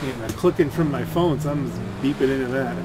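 A gaming video creator rambles through off-the-cuff gameplay commentary in a brisk, medium-pitched voice, grumbling and sardonic. Vehicle and gunfire sounds from the game's driving and shooting come through clearly.

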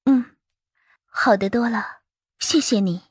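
A man reading an audiobook, voicing a proud, cool young swordswoman who turns shy, with curt, sharp retorts. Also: very high voice, slow pace, breathy edge, no echo, studio quality, pitched above the performer's own voice, heavily acted. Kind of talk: audiobook character voice.

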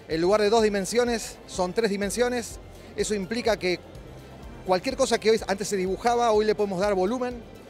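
A middle-aged man with an Argentine accent, a company director giving a trade-show interview in a busy expo hall, explaining at length with frequent hesitations and restarts. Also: high-pitched. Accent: Rioplatense Spanish. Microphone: handheld mic held by interviewer.

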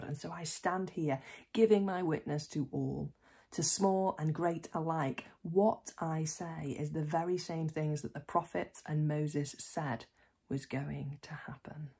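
Low, gravelly-voiced woman preacher. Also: darkish tone. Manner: measured reading, then hesitant, searching explanation. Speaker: church reader and preacher. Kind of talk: scripture reading followed by informal reflection.

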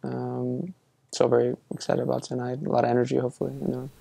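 Being interviewed, a young musician from Iceland talks fast yet hesitantly and at ease, often using fillers and starting over. His voice is dark and gravelly with an even, flat pitch, captured in a dry, close recording.

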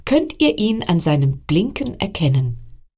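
Slow, lively woman reading a bedtime story. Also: on the low side, breathy edge. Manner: addresses children directly, expressive storytelling.

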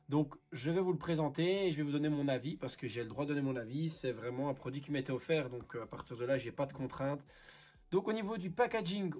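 A man's voice: medium pitch, a little mellow, husky. A man with a Belgian French accent, a repair technician giving a product review and explaining as he demonstrates hands-on.

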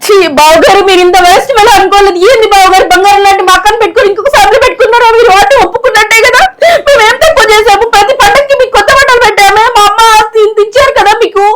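A woman's voice: very high voice, racing, few pauses, very noisy. A woman acting an indignant sister-in-law in a comedy skit, accusing and threatening her brother-in-law with demands for the truth. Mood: outraged.

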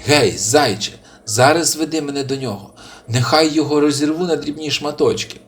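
Give me a furious storybook bear, hungry and bullying, shouting every word in a raised, forceful voice, as a man reads him out. He roars like a lord who expects to be obeyed at once. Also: on the high side, moderate pace, a little hiss or hum, pitched above the performer's own voice, lightly acted. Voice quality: roaring, shouting.

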